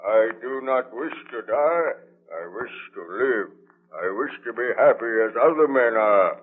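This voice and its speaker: A man's voice: medium pitch, expressive, unhurried. A man playing an anguished, vengeful monster in a 1930s radio drama, speaking in a portentous, declamatory way. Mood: bitter, pleading. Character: anguished, vengeful male monster, lonely man-made creature. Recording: tinny band-limited 1930s radio broadcast.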